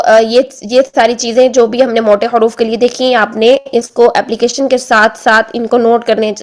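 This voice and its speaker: A young adult woman teaching a tajweed pronunciation lesson, patiently repeating each sound slowly and checking in often with her listeners. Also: a little high. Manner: checks in often with "theek hai". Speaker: Quran recitation teacher.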